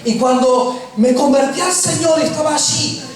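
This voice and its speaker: A middle-aged man with an Argentine accent preaching a sermon, telling personal stories with humor and slowing down for emphasis. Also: extremely high pitch, faint music behind. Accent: Argentine Spanish. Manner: humorous storytelling, slows for emphasis. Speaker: pastor. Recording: echoey room, distant mic, faint noise.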